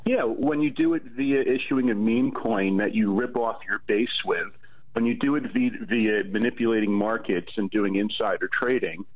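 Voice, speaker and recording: A man calls in to a radio talk show, his voice coming through a thin, tinny phone line. He sits a little low in pitch and presses his accusations, cutting across the host. It sounds like a combative caller on live radio. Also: normal speed, no echo. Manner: accusing, insistent, talks over the host. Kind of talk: combative call-in argument.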